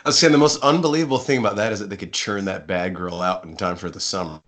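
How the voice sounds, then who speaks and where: A man's voice: deep voice, quick pace, background noise. A man co-hosting a podcast in casual, joking banter. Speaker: podcast co-host.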